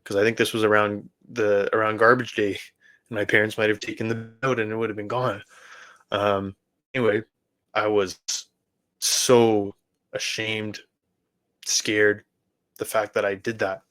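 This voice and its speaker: A man hosting a podcast, telling his personal faith testimony in an earnest, halting way with many restarts. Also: on the low side, level tone, fairly bright tone. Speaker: podcast host.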